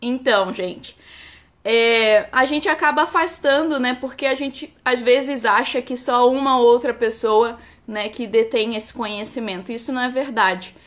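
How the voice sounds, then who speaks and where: A woman's voice: fairly high pitch, measured pace, a bit bright. A woman in her thirties from Rio with a Carioca accent, an enologist talking casually on a live stream and padding her talk with fillers. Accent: Carioca Brazilian Portuguese. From Rio de Janeiro, Brazil. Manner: chatty, many "né" and "tá" fillers, restarts.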